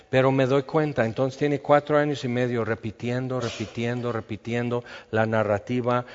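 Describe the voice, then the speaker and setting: A man preaching a sermon, telling stories with animation and acting out the scenes. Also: mid-range voice. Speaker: pastor. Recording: dull reverberant hall sound.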